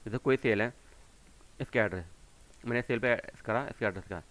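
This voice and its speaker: A man's voice: mid-range voice, a little fast, fairly bright tone. A man teaching a computer class to children, patiently walking through each step and answering his own questions as he goes. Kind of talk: screen-recorded tutorial explanation.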